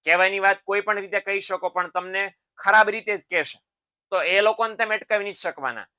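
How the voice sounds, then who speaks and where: A man's voice: high-pitched, brisk, sharp tone, smooth. A man giving a motivational lesson to students. He talks in a fatherly way, calls them his sons and keeps checking in with tag questions. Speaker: teacher.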